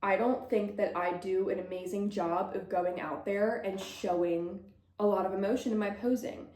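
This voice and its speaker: Chatty bubbly twenties girl doing a q&a, a bit out of breath, soft mellow voice. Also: medium pitch, steady tone, moderate pace. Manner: bubbly, chatty, laughs often. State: slightly out of breath. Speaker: model and vlogger. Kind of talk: casual Q&A chat to camera. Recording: roomy echo.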